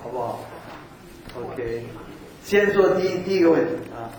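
A man leading a Bible study, giving group instructions in a halting way full of restarts and checks. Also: fairly high pitch, lively intonation, a crowd in the background. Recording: echoey hall, far from the mic, noisy.

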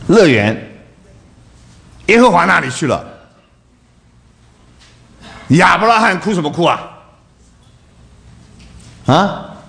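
A male preacher giving a sermon, throwing rhetorical questions at the congregation and swinging between loud bursts and soft asides. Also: high-pitched, sing-song, slow, vocal fry, pauses often.

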